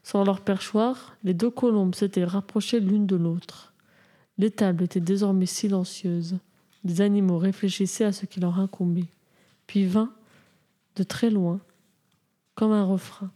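A woman reading a Christmas storybook aloud in a measured, gentle way. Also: mid-range voice, fairly even intonation.

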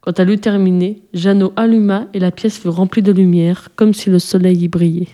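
A woman reading a children's storybook aloud as narrator, calmly and evenly. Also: fairly low pitch, brisk.

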